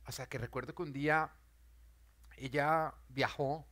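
A man, a pastor, preaching a sermon with earnest storytelling that swells loud on key lines. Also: medium pitch, fairly even intonation, measured pace.

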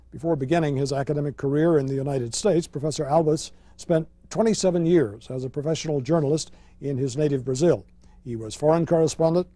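Brief: male TV panel moderator, dark mellow tone, dry close sound, measured and formal. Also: fairly high pitch, dry recording. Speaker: host, moderator. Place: TV studio with audience.

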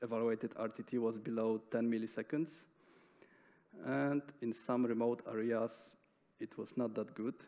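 A young man giving a technical conference talk on a stage, speaking in a measured way with frequent pauses and fillers. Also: mid-range voice, steady tone, dark tone. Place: conference stage in a large hall. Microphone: headset mic.

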